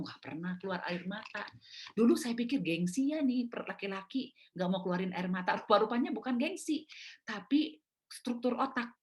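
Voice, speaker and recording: A middle-aged woman giving a storytelling talk at a mothers' prayer meeting over a video call, lively and acting out family quarrels. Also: mid-range voice.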